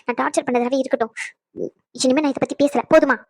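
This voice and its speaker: A woman voicing a stubborn, angry young pregnant wife in a cartoon, sharp and defiant. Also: sits high, steady tone, no echo, clean studio sound. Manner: sharp, defiant, rapid retorts.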